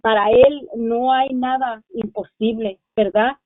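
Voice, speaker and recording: A woman's voice: on the high side, fairly even intonation, slow pace. A middle-aged woman giving a fervent religious testimony, speaking straight to her listeners as sisters. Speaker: church member giving testimony. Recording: tinny dry phone-line sound.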